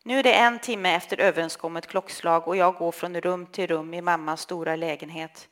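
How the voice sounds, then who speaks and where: A woman reading a literary text aloud in a slow, measured, intimate way. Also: on the low side, steady tone, a bit bright. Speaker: reader.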